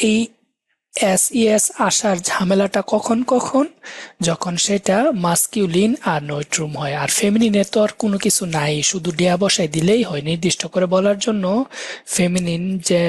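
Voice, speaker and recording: In a live grammar class, a man teaches step by step, going back over key words and breaking them slowly into syllables. He has a high voice, and the recording is dry.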